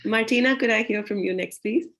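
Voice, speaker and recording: A woman's voice: a little high, a little fast, fairly bright tone. A woman hosting a virtual talk show, welcoming guests and inviting questions, with frequent fillers, over a video call.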